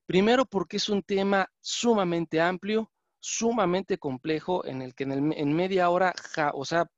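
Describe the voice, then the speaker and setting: A man's voice: high voice, moderate pace, a little hiss or hum. A man giving an online conference lecture, explaining patiently and correcting himself often with fillers. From Mexico. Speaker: lecturer on venomous animals. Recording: dry, dull lo-fi call audio.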